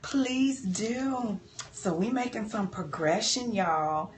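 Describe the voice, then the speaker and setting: A woman, chatting candidly and warmly to viewers while filming her cosmetic treatment in a doctor's office. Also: mid-range voice, takes it slowly, a little hiss or hum. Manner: animated, chatty, heartfelt, addresses viewers as y'all. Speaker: patient filming her own cosmetic procedure. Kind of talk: candid livestream talk to viewers.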